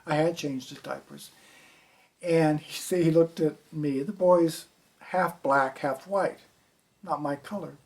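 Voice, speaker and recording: A man's voice: on the high side, fairly even intonation, slow pace, creaky. Reflective older American man. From United States. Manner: reflective, plainspoken, soft trailing endings. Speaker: teacher. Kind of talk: documentary interview storytelling.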